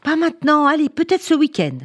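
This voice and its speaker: A woman's voice: sits high, very animated, voice pushed up. Woman doing a busy, dismissive dad. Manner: hurried, dismissive. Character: busy brusque father.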